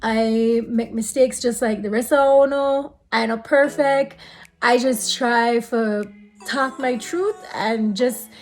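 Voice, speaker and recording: A woman's voice: a little high, steady tone, slow. A woman in her late thirties with a Belizean Creole accent, talking casually and earnestly, repeating phrases for emphasis as she offers encouragement. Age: late 30s. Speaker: vlogger giving faith advice. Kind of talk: casual talk to camera with spiritual encouragement.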